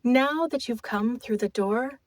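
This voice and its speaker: Slow, mesmerizing woman guiding a trance. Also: fairly high pitch, dry recording, studio quality. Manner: mesmerizing, slow, soothing and deliberate. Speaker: hypnosis guide. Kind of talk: guided hypnotic trance, soft and intimate.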